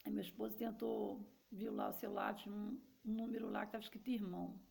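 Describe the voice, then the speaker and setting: Gravelly Brazilian Portuguese woman telling a story. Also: mid-range voice, steady tone, fast talker, a little mellow. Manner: conversational, addresses listeners directly. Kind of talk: personal testimony, casual storytelling.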